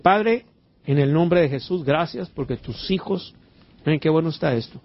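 A man's voice: fairly high pitch, moderate pace. A man preaching a sermon in church, quizzing the congregation and throwing in amens and hallelujahs. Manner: preachy, asks the congregation questions, interjects amen and hallelujah. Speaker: pastor. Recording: dull lo-fi church recording.

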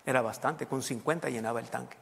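A man's voice: mid-range voice, fast, creaky, breathy edge, big-room sound. A man preaching a sermon, telling a story and acting out its dialogue. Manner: animated storyteller, acts out dialogue.

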